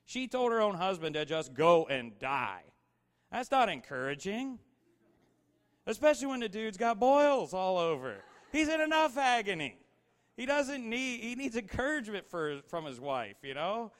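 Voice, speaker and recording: A man's voice: high-pitched, very animated, normal speed. A man preaching a casual, storytelling sermon, asking the audience questions and saying "you know" a lot. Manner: filler-heavy, repeats "you know". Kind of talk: conversational sermon. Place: large hall with slides. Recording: long hall reverb.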